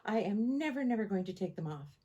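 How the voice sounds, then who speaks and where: A woman voicing an excitable, stubborn little girl from a storybook, exclaiming and repeating words emphatically. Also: medium pitch, fairly quick, husky, lo-fi sound. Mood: gleefully defiant.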